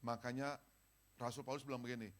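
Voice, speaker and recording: A male pastor preaching at a church service. He talks directly to the congregation and swings between loud calls and soft, pleading passages. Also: mid-range voice, level tone, fast talker. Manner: conversational, speaks directly to the congregation. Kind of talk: sermon.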